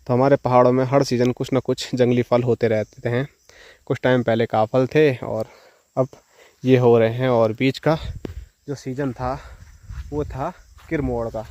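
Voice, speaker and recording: A chatty village vlogger from the hills of the northern Indian Himalayas addresses viewers as he walks through a forest in a relaxed walk-and-talk. He has a medium-pitched, slightly mellow voice. The recording is dry, and insects and rural sounds play in the background.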